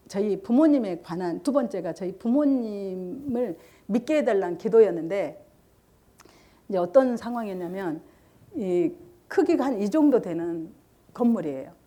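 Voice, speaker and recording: A woman's voice: mid-range voice, dark tone. A middle-aged woman telling a personal faith story at a church service, storytelling and acting out the voices in it with feeling. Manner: storytelling, acts out quoted voices, emotional. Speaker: church member giving testimony. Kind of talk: testimony in a worship service.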